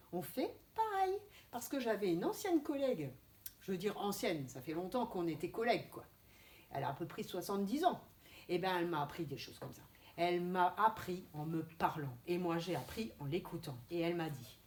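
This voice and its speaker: A woman kindergarten teacher guiding young children through handwriting letters step by step, precise and gently firm. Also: lowish voice, roomy sound. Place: classroom.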